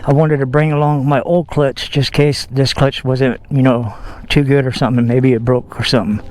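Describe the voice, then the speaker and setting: A man's voice: mid-range voice, steady tone, normal speed, a little mellow. A man casually vlogging about his scooter outdoors, rambling in a folksy way with fillers and self-corrections. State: out of breath. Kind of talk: casual vlog talk.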